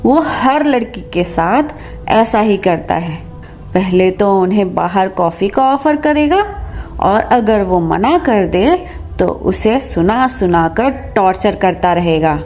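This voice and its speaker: A woman's voice: mid-range voice, animated, slow pace, darkish tone, soft background music. A woman voicing an upset young working wife in a cartoon story, speaking in a troubled, pleading way.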